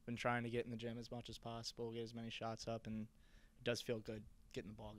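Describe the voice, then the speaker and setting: A college basketball player in his twenties, giving relaxed post-game answers into a handheld mic in an indoor hallway. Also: medium pitch, fast talker. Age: 20s. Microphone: handheld microphone held by interviewer.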